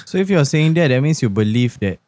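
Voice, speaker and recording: Mellow young Singaporean man, dry sound. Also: mid-range voice, very animated, a little fast, no echo. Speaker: podcast co-host. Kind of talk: casual chat. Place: podcast studio.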